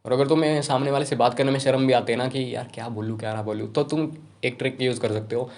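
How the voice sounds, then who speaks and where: Fast-talking young man giving advice. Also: medium pitch, fairly even intonation, a little mellow. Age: young adult. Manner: rapid, conversational, informal. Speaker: self-improvement YouTuber. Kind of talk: casual advice talk to camera.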